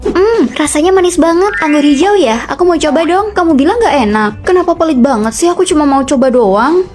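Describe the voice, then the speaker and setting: A young woman dubbing several college dorm roommates in a short drama, trading quick, bickering lines and switching between characters. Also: high-pitched, lively intonation, darkish tone, soft background music. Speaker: voice actor.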